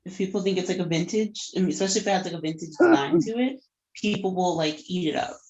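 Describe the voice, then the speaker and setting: A woman's voice: fairly low pitch, expressive, quick pace, a little mellow. A woman on a video call chatting casually and upbeat, sprinkling her talk with "like". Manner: upbeat, full of "like". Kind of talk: casual chat. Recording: dull lo-fi line.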